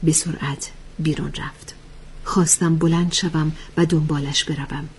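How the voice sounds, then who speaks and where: A woman narrating a story softly and in a hushed voice. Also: deep voice, little pitch movement. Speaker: audiobook narrator.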